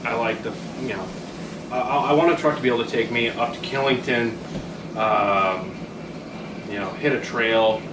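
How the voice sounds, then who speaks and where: A man's voice: medium pitch, normal speed. A man from the US Northeast with a Vermont accent, chatting casually as an interview guest in a rambling, self-deprecating way. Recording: echoey room, distant mic, noisy background.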